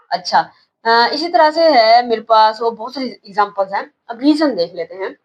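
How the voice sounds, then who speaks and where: A woman's voice: on the high side, muffled recording. A woman with a Pakistani accent teaching English pronunciation, patiently repeating words and quizzing her students. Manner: patient, repeats words and asks questions back. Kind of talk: classroom-style lesson.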